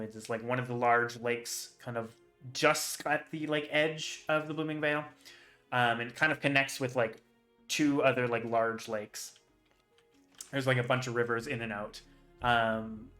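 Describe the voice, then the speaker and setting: A man's voice: medium pitch, pushed and bright. A man running a tabletop game as game master, describing the scene in a loose, rambling way full of ums and likes.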